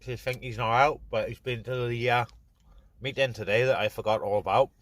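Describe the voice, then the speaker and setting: A British CB radio vlogger narrates informally and fairly quickly as he sets up gear by a vehicle on a windy hilltop. His medium-pitched voice is steady and a bit bright with no room sound, though the handheld outdoor recording is noisy with wind and radio noise.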